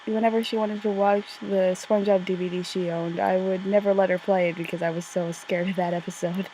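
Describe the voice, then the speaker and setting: A woman narrating a casual, self-deprecating video in a deadpan, slightly bored way, stumbling over words as she speaks from under a blanket. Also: medium pitch, low-quality recording. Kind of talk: casual scripted commentary, childhood reminiscence. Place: under a blanket in a bedroom corner. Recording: amateur under-blanket bedroom recording, faint noise.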